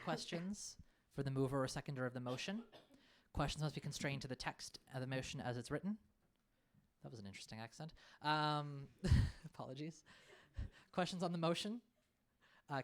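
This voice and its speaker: A man's voice: on the high side, fairly quick, a little hiss or hum. A man chairing a student council session, calling on speakers and running votes in a procedural way. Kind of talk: formal meeting chairing. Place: council chamber.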